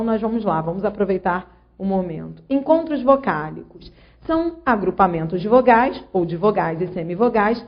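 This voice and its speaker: A woman teaching a grammar lesson in a patient, explanatory way, often pausing to check that the student follows. Her voice sits at a middle pitch, and the recording sounds a little dull and lo-fi. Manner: didactic, addresses student directly with check-ins.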